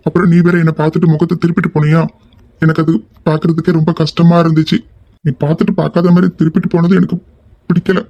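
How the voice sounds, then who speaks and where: A man's voice: a little high, dark tone. A young man voicing an affectionate, shy young man in an audio drama, speaking in an earnest, tender, pleading way. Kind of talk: amateur audio drama acting.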